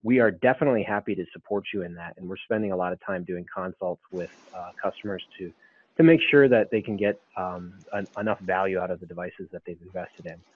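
A man's voice: low-pitched, fast. A man answering audience questions in a webinar, explaining at length with frequent ums and restarts. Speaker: webinar panelist. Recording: phone-like dry line.

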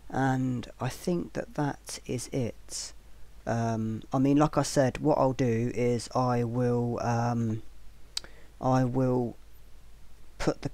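A man's voice: mid-range voice, creaky, warm tone. Man, casual video commentator; rambling delivery with fillers, earnest advice, sarcastic touches. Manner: rambling, with many fillers and restarts. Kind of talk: casual spoken commentary to viewers.

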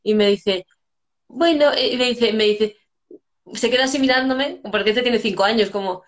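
A woman's voice: a little high, moderate pace. Chatty woman telling family anecdotes. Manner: chatty anecdotal storyteller, frequent restarts and "¿sabes?". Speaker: psychologist and co-host of live chat. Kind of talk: casual live-stream chat on parenting.

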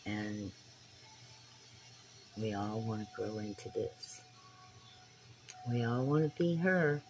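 An older woman in her sixties with a low, deep voice speaks slowly and earnestly, like a lay preacher addressing her viewers. She is recorded on a phone camera held close in a small indoor room, with a faint hiss underneath. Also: lively intonation. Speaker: spiritual tarot vlogger. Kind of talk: casual talk to camera. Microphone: phone camera at arm's length.

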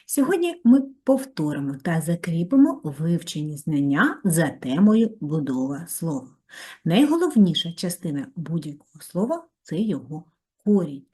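A woman teacher giving a primary school grammar lesson, dictating slowly and spacing each word clearly. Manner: slow, clearly spaced dictation, lively sing-song pitch. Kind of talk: online grammar lesson for third graders.

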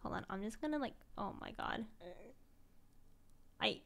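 A young woman streams from her desk mic, casually reading viewer messages aloud. She sounds tired but gushing and emotional, with a voice pitched a little high, and now and then drops to a soft whisper. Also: expressive, unhurried, creaky.

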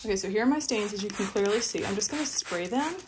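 Over a noisy background, a woman with a medium-pitched, lively voice talks at a quick pace while filming a tour of her own house on a phone camera mounted on a handheld stick. This lifestyle vlogger chats casually and rambles, poking fun at herself and often trailing off before starting again.

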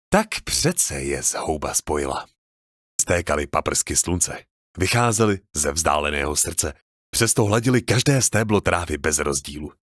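Deep, expressive male narrator. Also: no room sound, clean studio sound. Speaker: audiobook narrator. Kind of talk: scripted narration.

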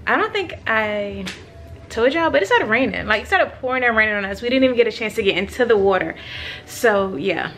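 A woman's voice: fairly high pitch, animated, brisk, fairly bright tone, a little hiss or hum. A young woman chatting casually to her camera in a resort hotel room, giggly and talking to her viewers as y'all. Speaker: vlogger. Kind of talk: casual travel vlog to camera. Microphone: handheld camera at arm's length.

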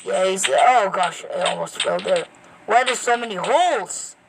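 A woman's voice: mid-range voice, normal speed, creaky, background noise. Chatty woman rambling over gameplay. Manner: rambling, excitable chatter to viewers. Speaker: gameplay commentator. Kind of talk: casual gameplay commentary.

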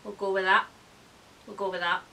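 This book reviewer, a woman in her thirties, speaks briskly in a level, mid-range voice that's creaky, pushed and bright. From her bookshelf-lined room she offers casual, opinionated discussion with wry bluntness and some mild cursing.

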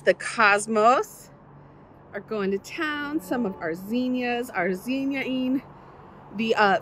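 A woman's voice: a little high, fairly bright tone. Chatty woman touring her garden. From southern Alabama, USA. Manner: chatty, upbeat, folksy asides. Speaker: garden vlogger. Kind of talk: casual garden tour. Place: outdoors in a home garden. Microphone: phone camera held at arm's length. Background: faint outdoor ambience, passing helicopters.

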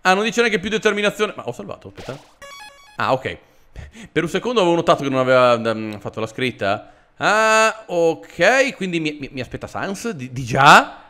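A man with a sore throat giving sarcastic, animated commentary while playing a video game. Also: a little high, moderate pace. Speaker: let's play host. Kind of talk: gameplay commentary.

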